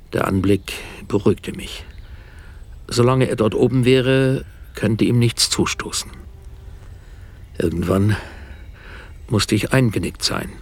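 A middle-aged man telling a haunted first-person story to his wife in a radio drama, hushed and often dropping toward a whisper. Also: fairly low pitch, vocal fry, slightly rough.

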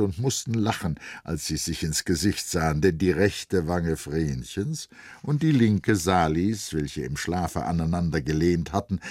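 A man narrating a literary audiobook in an expressive, melodic way. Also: sits low, slightly rough, no room sound, studio quality.

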